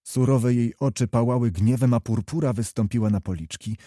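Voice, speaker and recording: Male audiobook narrator, measured literary read, mellow tone, dry booth sound. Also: medium pitch, no room sound.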